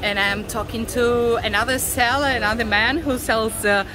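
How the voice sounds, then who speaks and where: A Russian woman with a Russian accent vlogging while walking through a fish market, chatting with sellers in halting English with many fillers. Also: fairly high pitch, fairly even intonation. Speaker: travel vlogger. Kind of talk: casual walking vlog. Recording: busy crowded market in the background. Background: market crowd.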